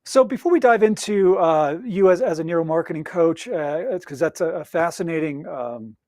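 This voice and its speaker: Halting man hosting, dry sound. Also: fairly high pitch, darkish tone, no room sound. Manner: halting, many "uh" fillers and restarts. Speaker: podcast host. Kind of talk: casual interview hosting.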